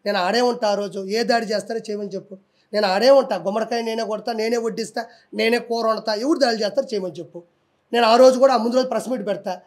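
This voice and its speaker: A man's voice: sits high, fairly even intonation, fast. A man, speaking combatively and defiantly in a heated political interview.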